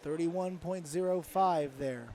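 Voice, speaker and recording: A man giving live commentary at a diving championship, briskly announcing each diver and score. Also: on the high side, warm tone.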